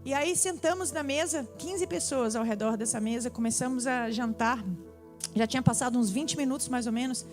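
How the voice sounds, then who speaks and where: A woman's voice: high-pitched, normal speed, music in the background. A young woman, sharing a personal testimony in a sermon and acting out the dialogue as she goes. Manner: animated storytelling, acts out dialogue. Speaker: preacher. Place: church.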